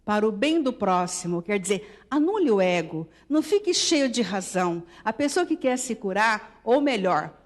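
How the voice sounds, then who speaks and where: A woman with a Brazilian Portuguese accent giving a spiritual lecture to an audience, teaching and checking in with tag questions. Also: fairly high pitch. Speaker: religious lecturer.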